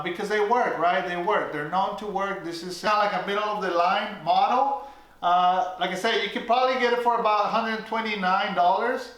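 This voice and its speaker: A man's voice: high voice, a bit bright. A man casually reviewing fishing reels in a chatty, loose way with lots of fillers. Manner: chatty, loose, many fillers and tag questions. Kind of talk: casual product review vlog. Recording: very echoey room.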